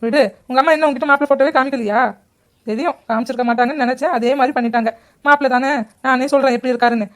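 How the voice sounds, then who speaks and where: A high-pitched cartoon voice of a teasing young village woman, acted by a woman. She rattles along at a very fast pace, chatty and playful. Her talk never slows down. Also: steady tone, a bit bright. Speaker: voice actor for a family cartoon. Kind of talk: animated cartoon dialogue.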